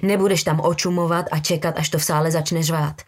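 A woman voicing a brutal, menacing young man who talks in low, slangy threats. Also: fairly even intonation.

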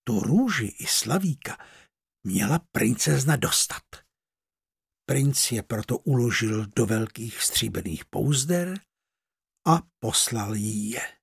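Fairy tale narrator, expressive storytelling, husky voice, very lively pitch, dry close sound. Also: dry recording. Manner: expressive storytelling, slows for emphasis.

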